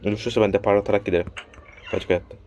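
A man's voice: fairly low pitch, flat delivery, very fast, a little mellow, a little hiss or hum. A young man casually commenting on a horror game as he plays, urging the characters on and scolding the enemy. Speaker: gameplay commentator. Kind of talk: casual let's-play commentary.

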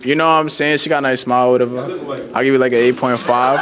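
A man's voice: medium pitch, fairly even intonation, fast talker, noisy background. A man hosting a casual street rating game, with laid-back, slangy banter. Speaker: host. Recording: loud crowd behind.

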